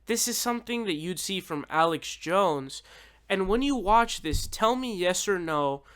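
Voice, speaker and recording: A man's voice: high voice, animated, unhurried, a bit bright, clean tone. A man giving casual reaction commentary in an informal, sweary, incredulous and exasperated way. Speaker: YouTube political commentator.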